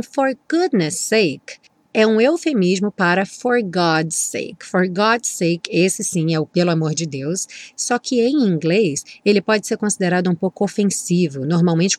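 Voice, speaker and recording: A woman teacher talks through a song's lyrics in a lively, friendly lesson, and she drops to a slow, careful pace whenever she models a phrase in English. Her voice sits at a middle pitch and is recorded close and dry, with no room around it. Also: no room sound.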